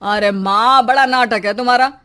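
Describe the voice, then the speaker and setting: A woman's voice: fairly high pitch, fairly even intonation, moderate pace, bright, forceful tone. A woman playing a whiny, spoiled young husband. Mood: dismissive. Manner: dismissive, whiny. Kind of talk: cartoon story voice acting.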